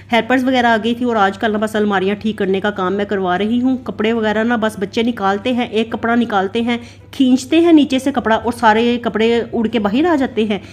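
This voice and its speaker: A woman in her thirties from Pakistan, chatting through a casual voice-over for her home cooking and routine vlog. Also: fairly high pitch. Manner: chatty, rambling, heavy use of filler "na". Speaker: vlogger mother. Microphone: voice-over recorded separately.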